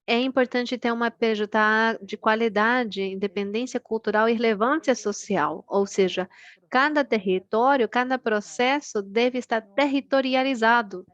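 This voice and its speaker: A woman giving an earnest, deliberately paced talk as a panelist at an online meeting, slowing down so interpreters can follow. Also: on the high side, a bit bright, no echo, muffled recording. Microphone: video call.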